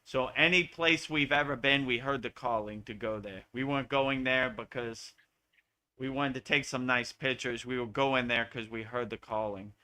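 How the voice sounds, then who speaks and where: Man, American, spiritual teacher, live Q&A, earnest, repetitive, bright tone. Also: mid-range voice, normal speed. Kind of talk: live Q&A satsang talk.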